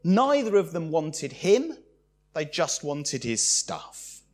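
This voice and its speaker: A man preaching a sermon, expressive and acting out the lines he quotes. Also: a little high, takes it slowly.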